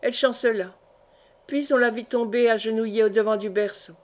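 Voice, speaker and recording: A woman reading an audiobook of a historical novel in an even, measured way. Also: on the high side. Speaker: audiobook reader.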